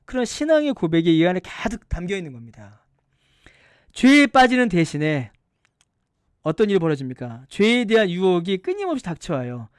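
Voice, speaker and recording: A man with a high, very lively voice leads a Bible study as a pastor. He keeps asking the listeners questions and throws himself into the quoted lines. The sound is dry and close. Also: a little fast, smooth, no room sound.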